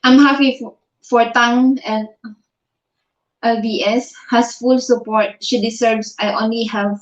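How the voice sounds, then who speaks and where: A woman's voice: fairly high pitch, fairly even intonation, measured pace, muffled recording. Filipino woman reading viewer comments. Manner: reads out viewer comments, switches between Tagalog and English, laughs often. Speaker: livestream vlogger. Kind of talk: casual livestream chat. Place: in bed at home. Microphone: phone.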